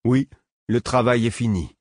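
A man voicing a simple-minded male servant, talking slowly and childishly in a singsong way. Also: medium pitch, a little mellow, dry recording, clean studio sound, voice pushed up, close to an everyday voice. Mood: plodding. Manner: slow singsong, halting childlike speech.

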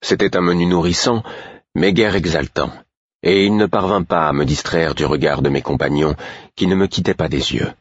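A man reading a novel aloud as audiobook narrator, in a measured, even voice. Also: low-pitched, husky, dry recording, lo-fi sound. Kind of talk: scripted narration.

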